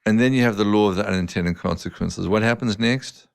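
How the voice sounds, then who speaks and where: A middle-aged man, a surgeon as guest, telling relaxed stories in a casual interview and often poking fun at himself. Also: fairly low pitch, a little fast, gravelly, clear, resonant tone, dry recording, clean studio sound. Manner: relaxed anecdotal storyteller, self-mocking, laughs often. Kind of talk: casual podcast interview storytelling.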